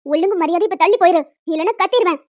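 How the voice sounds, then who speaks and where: A woman's voice: very high-pitched, racing. A woman voicing a frightened but defiant young woman in a cartoon, scolding and pleading. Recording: dull lo-fi with music behind.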